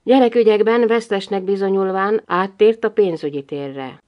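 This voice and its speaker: A woman's voice: medium pitch, dull audio. Wry woman narrating an audiobook. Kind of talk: scripted narration of a humorous novel.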